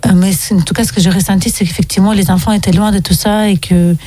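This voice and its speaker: A woman's voice: medium pitch, fairly even intonation, quick pace, warm tone, dry recording. A young woman from Russia, a film director, answering radio interview questions with many hesitant ums.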